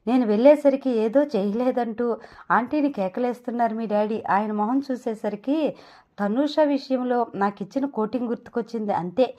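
A woman's voice: on the high side, darkish tone, muffled recording, close to an everyday voice. A woman voicing a flustered, anxious young man who is about to be married, reading audio novel dialogue. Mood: pleading. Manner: flustered, rushing and pleading. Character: anxious young male groom, pleading.

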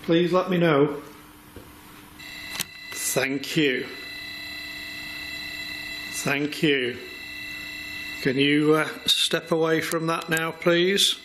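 A man's voice: fairly high pitch, fairly even intonation, very slow, pauses often. A man investigating the paranormal, politely calling out to a spirit and sometimes dropping to a whisper. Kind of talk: calling out during a ghost-hunting vigil. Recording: noisy night-vision field recording.

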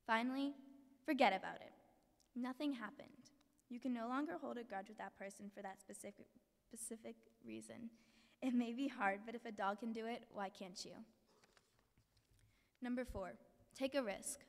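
A teenage schoolgirl reads her earnest prepared speech from a podium, her fairly high voice carrying through a large hall. The long reverb and a camera far back in the room give it a distant, echoing sound. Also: moderate pace, pauses often. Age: teens. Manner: earnest, reads from notes with small slips. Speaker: student speaker. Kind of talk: prepared speech read aloud. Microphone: podium mic, filmed from the back of the hall.

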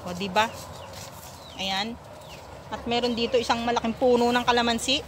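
In a casual vlog, a woman in her thirties walks viewers she calls "mga kablandi" around a rural farm, chatting and giggling all the while. Her voice sits on the high side, steady and moderately paced. It's a phone recording made outdoors at arm's length, with outdoor noise audible.

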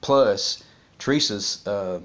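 A middle-aged man with a low-pitched voice vlogs about a criminal case, thinking aloud in a halting way. It's a casual, unscripted monologue recorded indoors in a small room at home.

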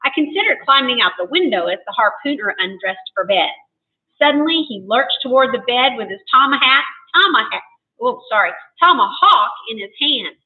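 Librarian reading aloud, tinny and distant. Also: female voice, a little high, normal speed. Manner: expressive, chatty with fillers. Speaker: school librarian. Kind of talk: reading a story aloud to students.

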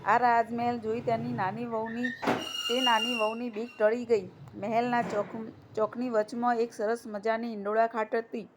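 A woman reading a devotional folk tale aloud in a steady, plain storytelling manner. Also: on the high side, moderate pace, heavy background noise.

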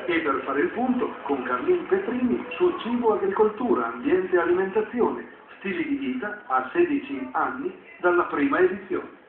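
Guy reading a tv news piece, kinda high voice, tinny and echoey. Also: very animated. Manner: measured, formal delivery. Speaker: TV reporter. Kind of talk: scripted news narration. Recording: echoey, tinny, noisy broadcast audio.

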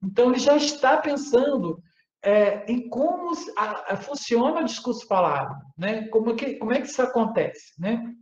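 A man's voice: very high voice, animated, normal speed. Man lecturing in a roomy space. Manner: explanatory, frequently tags phrases with "né?", hesitant fillers. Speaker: university lecturer. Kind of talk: online academic lecture. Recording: roomy, slightly dull audio.

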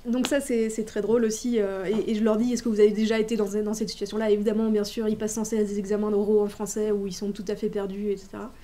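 A woman's voice: medium pitch, little pitch movement, fast talker, few pauses, mellow, slight background noise. A woman gives an informal talk as an author presenting a workshop, chatty and hesitant, with frequent restarts and filler sounds. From Belgium.

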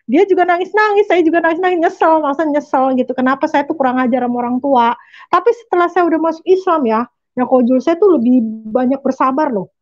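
A chatty woman hosts a relaxed interview, her voice sitting high and bright. She talks easily and laughs often, and the recording sounds a little dull and lo-fi. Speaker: host. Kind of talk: casual interview chat.

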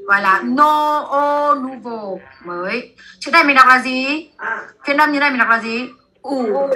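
Bright-voiced woman teaching French. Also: high-pitched. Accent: Vietnamese. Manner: repeats words slowly for students to echo. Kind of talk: teaching pronunciation to a class. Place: classroom.

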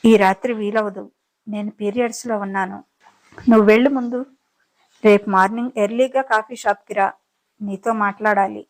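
A fed-up young woman speaks her mind plainly in a spoken audiobook drama, as a woman narrator performs her. She is serious and sharp-tongued. Her voice stays close to the narrator's own pitch. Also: steady tone, normal speed, long pauses, lightly acted, rough recording. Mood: irritated.

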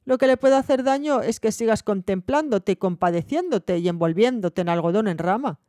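A woman voicing a firm, no-nonsense farm mother who talks in a brisk, scolding way. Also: medium pitch, expressive, mellow, no room sound, studio quality, pitched above the performer's own voice, lightly acted.

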